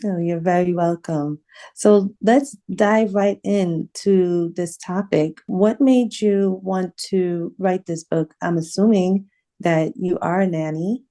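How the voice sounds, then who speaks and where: A woman's voice: lowish voice, steady tone, slow, dark tone. A woman hosting a radio interview show, speaking in a formal, welcoming announcer manner in a radio studio.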